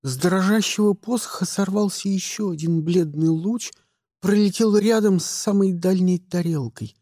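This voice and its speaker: A man narrating a first-person action story in a wry, expressive reading style. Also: high voice, normal speed, dry recording, clean studio sound. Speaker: audiobook narrator.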